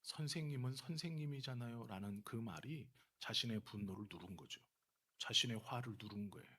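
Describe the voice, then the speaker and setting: A male pastor preaching a sermon and telling stories, moving between hushed asides and heated emphasis. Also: fairly low pitch, moderate pace, husky. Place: church sanctuary.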